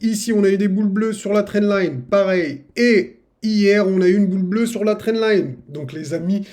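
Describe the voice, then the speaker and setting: A man's voice: high voice, moderate pace, a little mellow. A man, a crypto YouTuber giving a casual, hype-driven chart analysis and talking chummily to his viewers.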